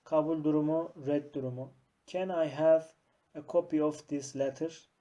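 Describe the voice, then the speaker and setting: A man teaching an English grammar lesson. He explains patiently, point by point, and reads the example sentences out slowly. His voice sits fairly high, with a soft, mellow tone. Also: fairly even intonation, muffled recording. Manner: explains step by step, often says "arkadaşlar". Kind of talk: recorded classroom lesson.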